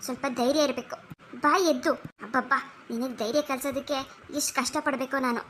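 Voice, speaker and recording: A woman's voice: sits high, steady tone, quick pace, a bit bright, slight background noise. A woman voicing a young wife in a cartoon who comforts and pushes a friend in a firm, encouraging way. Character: young wife, firm, caring elder sister.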